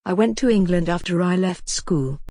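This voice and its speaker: Woman reading a slow, clear grammar lesson. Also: lowish voice, warm tone, no room sound, studio quality. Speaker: English teacher.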